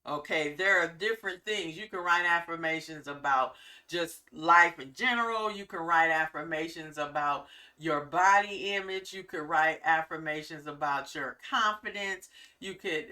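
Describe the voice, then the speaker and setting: Bright-voiced woman coaching, off-mic. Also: fairly low pitch, distant mic. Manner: blunt, folksy, emphatic. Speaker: self-help coach leading an exercise. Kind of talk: informal motivational talk.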